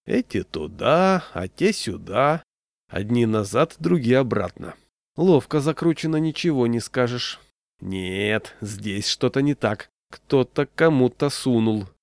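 A man's voice: medium pitch, lively intonation, unhurried, no room sound. A man voicing a suspicious, smug official who drawls with mock surprise, recorded dry and close. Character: suspicious bureaucrat, smug and sly.

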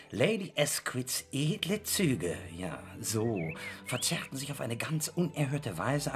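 An actor in a radio play as a self-absorbed, grumpy male crime writer, theatrical and halting as he mutters corrections. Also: mid-range voice, close to an everyday voice.

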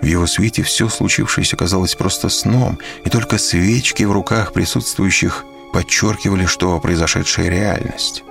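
A man narrating an audiobook in an expressive storytelling manner. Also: low-pitched, moderate pace, vocal fry, hardly any pauses, faint music behind. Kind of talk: scripted narration.

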